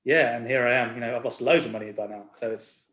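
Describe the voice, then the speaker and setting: A man's voice: medium pitch, steady tone, quick pace, fairly bright tone. A man in his forties, a record label owner, chatting casually as a guest in a laid-back, rambling, self-deprecating way. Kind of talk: casual chat. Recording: roomy echo.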